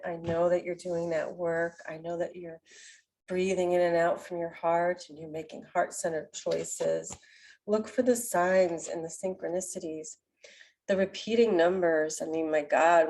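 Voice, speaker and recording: A woman with a nasal, stuffy voice, giving a spiritual card reading in a gentle, meandering way with many pauses. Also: lowish voice. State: sick with a cold. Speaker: oracle card reader.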